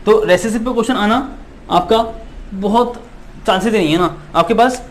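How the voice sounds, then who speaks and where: At a moderate pace and with a high voice, a male biology teacher runs through exam prep, going over points again and again. He constantly checks understanding with "है ना," reassures his students, and insists they'll get results. There's a little hiss or hum.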